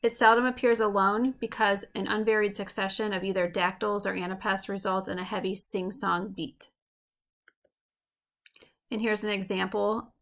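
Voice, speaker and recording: A woman teacher giving a recorded lesson, explaining clearly and slowing down to tap out rhythms. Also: mid-range voice, level tone, a bit bright.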